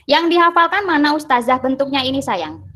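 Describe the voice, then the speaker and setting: A woman's voice: high-pitched, animated, a little fast, pushed and bright. A woman teacher with an Indonesian accent giving an online English lesson, patiently translating each English phrase into Indonesian.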